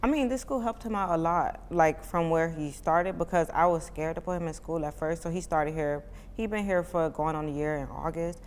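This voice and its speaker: A Miami mother in her twenties gives a testimonial as a parent, answering interview questions in a relaxed, chatty, informal way with "like" in nearly every sentence. Her voice is low for a woman, at a moderate pace with hardly any pauses. Each phrase trails off in long reverb over a faint hiss.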